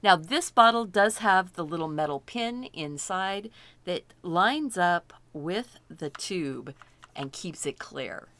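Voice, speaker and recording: A middle-aged woman leads a painting lesson at an unhurried pace. Her pitch sits on the low side but swings widely, and she chats and thinks aloud as she works. She cheerfully admires her own progress along the way. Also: animated, fairly bright tone. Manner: chatty, self-delighted, thinking aloud while working. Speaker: art instructor.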